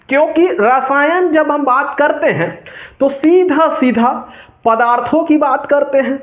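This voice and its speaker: Man, Chhattisgarhi accent, chemistry teacher, unhurried, repeats answers, phone-like echoey sound. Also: very high voice. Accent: Chhattisgarhi Hindi. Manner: call-and-response quizzing, repeats key answers. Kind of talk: exam-prep chemistry lesson. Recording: tinny, echoey lo-fi room audio.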